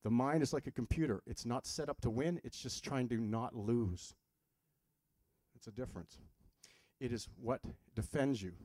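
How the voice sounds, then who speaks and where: A medium-pitched man with a dark tone, captured without room sound, presents a live health seminar drawn from his work with patients. He keeps things informal, posing questions to attendees and adding jokes.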